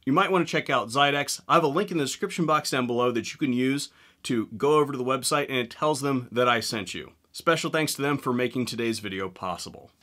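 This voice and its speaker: This gun channel host, a man in his thirties, talks fast to camera in a mid-range voice that's bright and forceful. His manner is casual, wry and joking, the talk includes a sponsor read, and he sits in an indoor room with guns on the wall behind.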